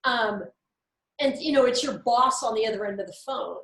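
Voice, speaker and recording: A woman with a high, bright voice talks through a casual faith discussion as a co-host. She is candid and animated, and the room around her rings with echo. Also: normal speed, a little hiss or hum. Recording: echoey room.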